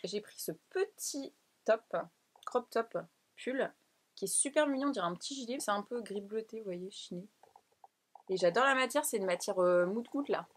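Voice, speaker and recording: A woman's voice: mid-range voice, normal speed. Chatty young Frenchwoman showing off a clothing haul. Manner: chatty, excitable, laughs often, drops into asides. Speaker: fashion vlogger. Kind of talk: casual haul vlog chat.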